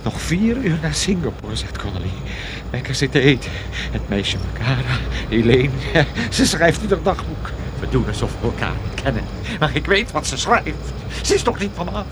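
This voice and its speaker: A frantic plane crash survivor. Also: male voice, fairly high pitch, big pitch swings, normal speed, few pauses, noisy background. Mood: recalling. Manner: distraught, feverish inner monologue. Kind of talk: radio drama acting.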